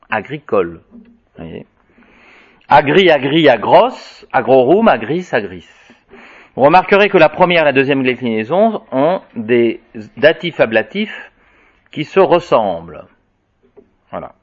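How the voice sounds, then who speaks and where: A man teaching a Latin lesson, chanting the word forms aloud and explaining them between the chants. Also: medium pitch. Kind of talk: lesson reciting declensions. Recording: dull lo-fi recording.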